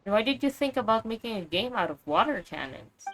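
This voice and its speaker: A woman's voice: on the high side, big pitch swings, brisk, a bit bright, no room sound. Woman doing a chirpy little fairy companion. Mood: curious. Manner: eager, curious and chatty. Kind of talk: reading game dialogue aloud.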